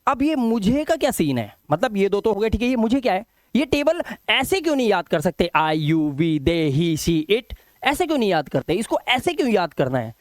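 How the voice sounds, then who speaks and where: A male teacher explaining English grammar to viewers, speaking slowly and repeating words and spellings in a sing-song drill. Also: high-pitched, very animated, no echo, clean studio sound. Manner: explains slowly with repetition, addresses viewers directly; drills word lists in a slow, sing-song rhythm. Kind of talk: spoken English lesson in Hindi.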